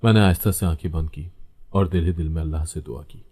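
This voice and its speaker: Male storyteller, dark and mellow tone, measured and heavy first-person narration. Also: a bass voice, fairly even intonation, slightly rough.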